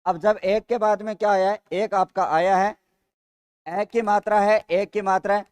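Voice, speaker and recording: With a Rajasthani Hindi accent, a man hosts a live online grammar class where he reads student comments, restates each question, answers it himself, and addresses viewers as "sir" over and over. His high voice is clear and resonant, at normal speed with fairly even intonation.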